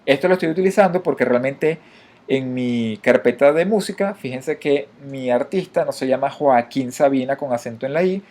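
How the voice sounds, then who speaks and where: A man walking through his own code in a screen-recorded programming lesson, talking to viewers directly and pausing on fillers. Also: medium pitch, a little mellow. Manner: explanatory, frequent fillers and restarts, addresses viewers directly. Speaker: programming instructor. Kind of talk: screen-recorded coding tutorial.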